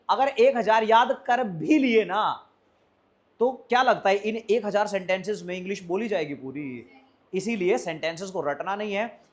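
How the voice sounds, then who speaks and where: A man teaching spoken to a class, who drills his students with repeated questions and slows way down on the phrases he models. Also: high-pitched. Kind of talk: classroom lesson.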